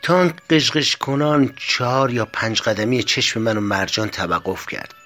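A man, the author, calmly reading his own short story aloud in a measured way. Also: mid-range voice.

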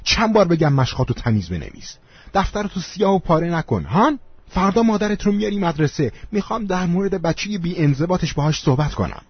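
A man voicing a furious strict female schoolteacher who shouts and scolds, in a dull lo-fi audio story. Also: sits high, big pitch swings, husky, no echo, voice pushed up, exaggerated voice. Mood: angry scolding.

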